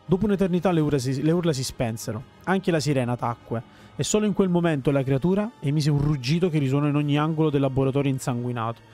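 A man reading a dark game story aloud in a measured, grave storytelling manner. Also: fairly high pitch, faint music behind. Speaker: let's player reading story text.

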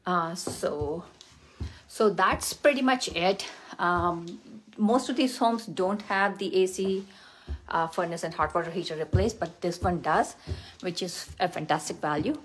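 Low-pitched woman giving an upbeat home tour. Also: a little slow, a little hiss or hum, poor audio. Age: middle-aged. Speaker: real estate agent giving a home tour. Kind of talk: casual, unscripted walk-through tour narration. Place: indoors, walking through a house. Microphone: handheld phone.

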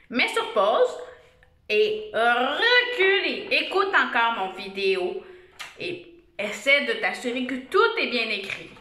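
Une enseignante à l'qui dicte une phrase à de jeunes enfants, en détachant chaque syllabe d'une voix chantante. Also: female voice, on the high side, pushed and bright. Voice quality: slow, sing-song, exaggerated enunciation. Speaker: teacher. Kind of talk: dictation lesson for young children. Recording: echoey room.

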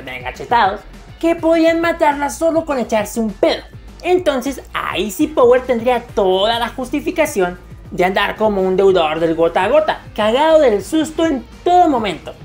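A woman's voice: fairly high pitch, darkish tone. A woman narrating casual anime commentary in a slangy, jokey way with crude humor. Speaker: anime video essayist. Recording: faint music under the voice.

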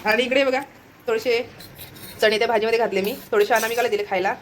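A woman's voice: fairly high pitch, fairly even intonation, fast talker, slight background noise. A woman casually narrating a family home vlog from her kitchen, chatty and always pointing things out. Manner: chatty, keeps saying look here, coos at her pet. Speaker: family vlogger.

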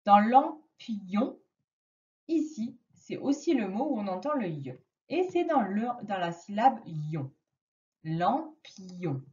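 A woman teaching a reading lesson to a young child, slowly and patiently stressing each sound. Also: mid-range voice, sing-song, dark tone, far from the mic, muffled recording. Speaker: primary school teacher.

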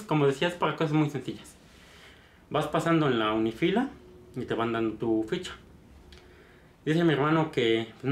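Chatty Mexican man in a roomy room. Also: mid-range voice. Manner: chatty, meandering, tag questions. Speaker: vlogger. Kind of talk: casual storytelling. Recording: roomy echo.

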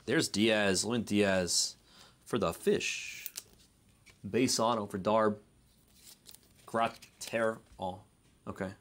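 A man hosting a live card break, giving easygoing running commentary and second-guessing how to pronounce names. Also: lowish voice. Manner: easygoing running commentary, unsure of name pronunciations.

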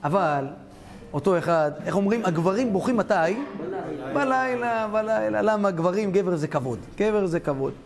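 A male rabbi giving a storytelling sermon in a notably high voice, narrating with animated flair. Faint music plays underneath him. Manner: animated storyteller, acts out characters.

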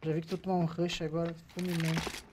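A Brazilian man with a Brazilian Portuguese accent streams a team shooter and chats casually with his squad. He is excitable, swears freely and jokes between callouts, all over a noisy bed of game sound. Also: a little high, brisk. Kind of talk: casual gaming voice chat. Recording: noisy game audio behind.

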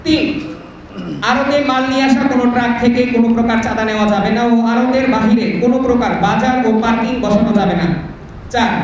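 A man's voice: very high voice, very echoey, recorded from a distance, a little hiss or hum, rough recording. A young man reading out a numbered list of demands steadily into a handheld mic at an indoor meeting. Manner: steady listing of numbered points.

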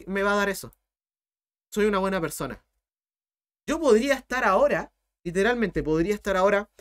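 A man's voice: high-pitched, a bit bright. A young man in his twenties with a Chilean accent, a math tutor talking bluntly and passionately to his livestream chat. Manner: blunt, impassioned, talks fast.

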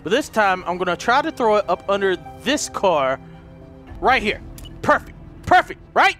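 A man hosting a gaming video, giving frantic gameplay commentary, excitable, shouting and cursing at the game. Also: high voice, normal speed, faint music behind.

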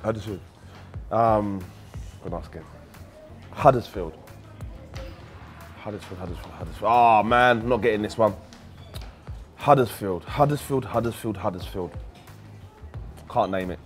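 A man's voice: on the low side, measured pace, long pauses. A young man with a mid-range voice trades teasing, slightly boastful banter on a casual football show. Faint music sits behind him. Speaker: co-host.

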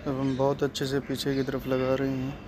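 A man's voice: medium pitch, monotone, brisk, heavy background noise. A man talking through a hair coloring job step by step in a plain, explanatory way. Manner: plain, explanatory, repeats steps. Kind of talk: step-by-step salon tutorial narration.

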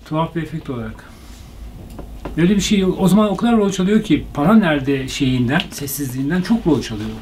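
A man on an indoor film set, talking shop with the director. His voice sits a little high, and his words tumble out fast. He keeps chiming in with agreement. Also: animated, darkish tone, a little hiss or hum, poor audio. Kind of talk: on-set discussion with crew.

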